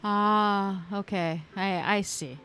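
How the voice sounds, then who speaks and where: Woman, mid-pitched voice, chatty and expressive, slangy asides, casual stream talk, faint music. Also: slow pace, smooth. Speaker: co-host on a game stream. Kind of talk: casual chat.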